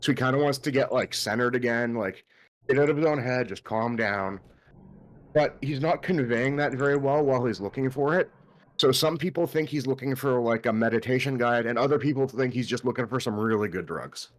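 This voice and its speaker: A man's voice: mid-range voice, brisk. A man in casual chat as a player in a tabletop game, rambling through his plans and laughing often.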